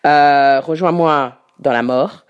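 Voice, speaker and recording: A woman's voice: low voice, slow, clean tone, muffled recording. A woman presenting a music column on the radio in casual chat, hesitant with many fillers and restarts, often laughing as she talks. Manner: laughs easily while talking. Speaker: radio columnist presenting new German rock.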